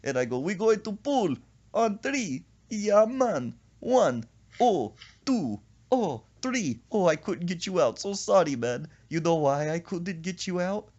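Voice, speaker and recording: Guy doing a silly kid singing in a fake jamaican accent, high and loud, dull audio. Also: big pitch swings, unhurried, exaggerated voice. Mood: carefree. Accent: put-on Jamaican. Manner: sing-song, loud, oblivious. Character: carefree young boy faking Jamaican, singing.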